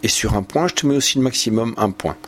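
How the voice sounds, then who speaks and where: Man, teacher, patient and encouraging, hesitant fillers, medium pitch. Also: fast talker, a little hiss or hum. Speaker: German teacher giving spoken feedback to a student. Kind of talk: spoken feedback recording.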